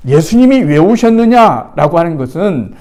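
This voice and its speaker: Male pastor, middle-aged, slightly high voice, conversational sermon delivery. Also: sing-song, normal speed, warm tone. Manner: retells the scripture in a conversational way, addressing the congregation directly; acts out quoted lines with raised voice.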